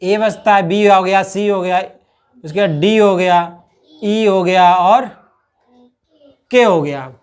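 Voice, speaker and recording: A man's voice: high voice, slow, pauses often, a little mellow, clear, resonant tone. A man teaching a class, who poses questions, answers them himself and keeps checking in with "okay" after each point. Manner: patient, repetitive explaining. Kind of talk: classroom-style lecture.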